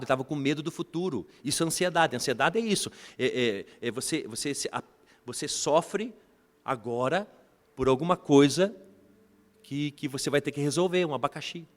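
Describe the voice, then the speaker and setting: A man from Brazil preaching a sermon as bishop, animated, often calling the congregation brothers and telling family stories. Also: fairly high pitch, a little fast. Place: church. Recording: reverberant church hall.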